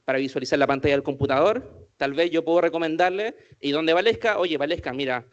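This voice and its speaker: Talking fast in a clear, resonant voice on the high side, a man leads a group through an inclusion workshop. He constantly questions his listeners and often adds "¿cierto?", though the audio is dull.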